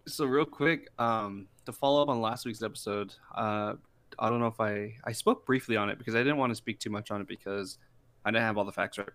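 A young man co-hosting a podcast, talking in a relaxed, rambling way with plenty of fillers. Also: fairly low pitch, brisk, smooth. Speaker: podcast co-host. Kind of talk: casual chat.

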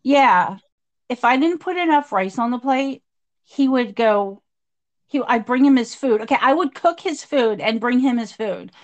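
Middle-aged woman, high-ish voice, animated storytelling guest. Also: measured pace, dull audio. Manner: animated storyteller, acts out quotes. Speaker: guest describing past abuse. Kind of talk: conversational interview.

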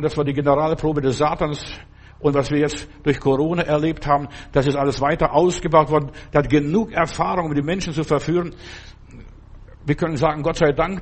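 Husky older man preaching earnestly. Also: fairly high pitch. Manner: earnest, exhorting, addresses listeners directly as "du". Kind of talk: sermon.

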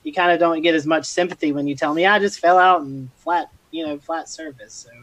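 A man reporting on weather as a show host and storm chaser, in a casual, halting way. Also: on the high side, fairly even intonation, a bit bright, dry recording, poor audio.

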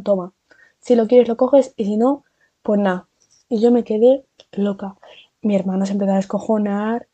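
In an echo-free recording, a young Spanish woman with a Spanish accent tells a casual storytime vlog. Her medium-pitched delivery is chatty and animated, packed with fillers and asides.

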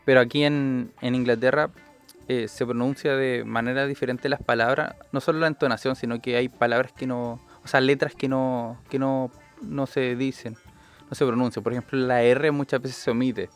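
A man's voice: mid-range voice, fairly even intonation, normal speed, clear, resonant tone, soft background music. A man with a Chilean Spanish accent, a podcast co-host explaining something at length in casual chat.

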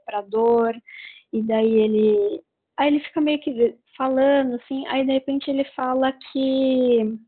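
A woman with a Brazilian Portuguese accent, casually retelling a book's plot in a rambling way with many fillers. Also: a little high. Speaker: book reviewer. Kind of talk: casual book review chat. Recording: tinny phone-like sound.

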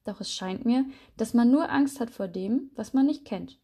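A wide-eyed little spider boy who keeps asking why people fear him, voice pitched up high and eager, as a woman reads him aloud. His tone stays soft and mellow underneath, gentle and sincere, a storybook child through and through. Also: normal speed, breathy edge. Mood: curious. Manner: bright, wondering, childlike questions.

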